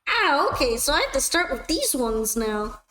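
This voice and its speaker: High-voiced chatty woman streamer. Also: sing-song, normal speed, pushed and bright, rough recording. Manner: chatty, self-mocking, answers chat. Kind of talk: casual chat while gaming.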